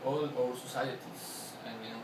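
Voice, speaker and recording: The speaker is a young student with an Ecuadorian accent and a mid-range voice, answering an interview in a hesitant, stop-start way with lots of fillers. He sounds far from the mic in a reverberant room, with steady background noise throughout.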